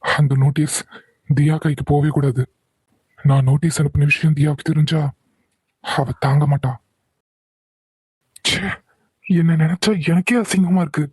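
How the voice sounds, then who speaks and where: A man voicing a young husband and father in an animated cartoon, quietly remorseful in his thoughts. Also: a little high, normal speed, pauses often, breathy edge, no echo, low-quality recording. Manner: soft, remorseful inner monologue.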